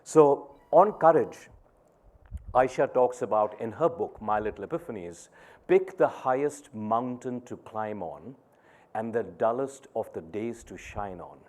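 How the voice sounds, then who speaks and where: A middle-aged man giving a keynote speech on stage, telling a personal story in an earnest, deliberate way with pauses between phrases. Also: on the low side, lively intonation, darkish tone. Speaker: keynote speaker. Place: conference stage before an audience.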